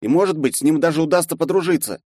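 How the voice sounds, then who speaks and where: A man's voice: on the high side, very fast, darkish tone, no echo, clean studio sound, voice pushed up, natural voice. A man reading an audiobook voices a young orc boy student who is brave and earnest. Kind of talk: audiobook character voice.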